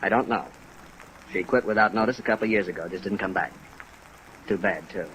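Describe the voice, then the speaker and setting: An actor playing an irritable, tired doctor in a 1950s radio drama, curt and impatient. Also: male voice, low-pitched, a little fast, a bit bright. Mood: weary, resigned. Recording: noisy vintage radio recording.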